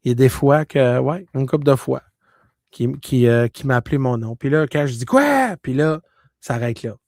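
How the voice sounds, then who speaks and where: A man's voice: medium pitch, normal speed, no echo, studio quality. A man with a Québécois French accent telling a personal story in a casual, conversational way, often checking in with his listener. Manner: conversational, peppers talk with "là" and "tu comprends"; animated, shifting between loud bursts and hushed tones.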